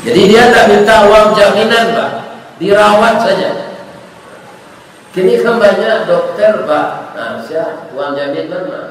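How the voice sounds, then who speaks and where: A man preaching a sermon to a mosque gathering with a Minangkabau-tinged Indonesian accent, telling a story with humor and dropping softly into the prayers of the people in it. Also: sits high, takes it slowly. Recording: echoey hall, distant mic, faint noise.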